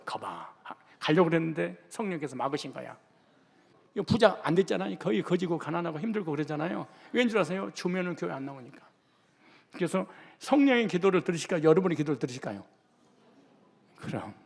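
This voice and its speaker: Gravelly pastor preaching in a reverberant hall. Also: male voice, a little high, big pitch swings, fast talker. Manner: emphatic, asks the congregation rhetorical questions; drops into blunt casual speech. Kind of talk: sermon. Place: church sanctuary. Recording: long church hall reverb.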